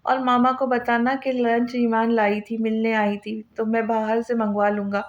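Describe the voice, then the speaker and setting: A woman's voice: on the high side, little pitch movement, moderate pace, highs cut off, natural voice. A woman reading the lines of an affectionate, doting young husband. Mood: earnest. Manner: doting, coaxing.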